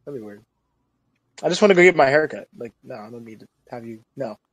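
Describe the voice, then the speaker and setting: A man in his thirties co-hosting a podcast, chatting in a relaxed, rambling way with plenty of fillers. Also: mid-range voice, fast talker. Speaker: podcast co-host. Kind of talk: casual chat.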